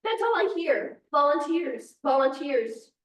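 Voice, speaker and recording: A woman's voice: high-pitched, very animated, measured pace. A woman reading a play aloud, playing an anxious, suspicious cat owner who talks bluntly. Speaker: actor in a staged reading, playing a cat lover. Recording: echoey room, distant mic, faint noise.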